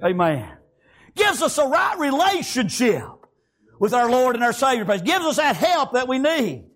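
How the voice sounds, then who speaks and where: This sermon comes from a man whose very high voice makes big, wide pitch swings as he speaks at a moderate pace. He bursts into rhythmic shouts, punctuating nearly every line with "praise God" and "amen."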